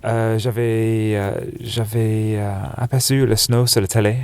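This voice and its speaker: A man from England with an English accent tinged with American, speaking as an interview guest in a relaxed, hesitant way with many fillers. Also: on the low side, unhurried, slight background noise. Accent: English with a slight American touch, speaking French. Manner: hesitant, many "euh" fillers, laughs easily. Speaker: interview guest, snowboard shop buyer. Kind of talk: casual interview chat. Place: sofa in a dark exhibition hall.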